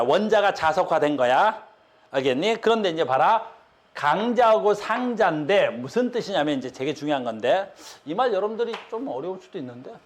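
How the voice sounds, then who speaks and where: Guy with a pretty high voice doing a physics lecture, keeps saying look and asking if you get it. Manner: repeats "봐" and "알겠니?" checks to students; casual speech, explaining with drawings. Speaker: teacher.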